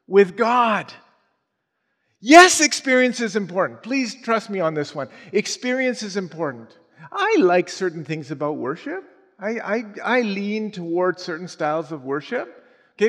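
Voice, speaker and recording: Older pastor guy preaching, high voice, jokey and lively, long reverb in a big hall. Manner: animated, joking, building to shouts. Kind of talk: sermon.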